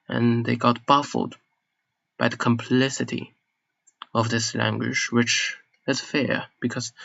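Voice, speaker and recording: A man's voice: medium pitch, gravelly, bright, forceful tone, dry recording. A man whose first language is Mandarin Chinese gives a casual spoken lesson, searching for words and sometimes poking fun at himself. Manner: unhurried, searching for words, self-deprecating. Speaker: video creator explaining a language. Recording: slightly dull lo-fi recording.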